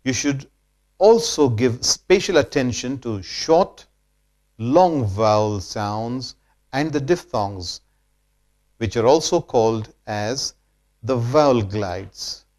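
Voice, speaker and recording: Slow, deliberate Indian English teacher. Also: male voice, mid-range voice, expressive, darkish tone. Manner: deliberate, repeats key sentences. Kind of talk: slow scripted lesson narration.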